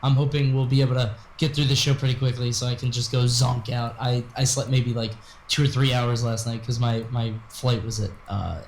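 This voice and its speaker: A man with a hoarse, raspy, smoker-like voice, very tired, chatting casually as a guest commentator and keeping his voice low. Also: fairly even intonation, fairly quick, hardly any pauses, darkish tone. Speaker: guest co-host, esports commentator. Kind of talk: casual chat. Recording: roomy, faint background noise.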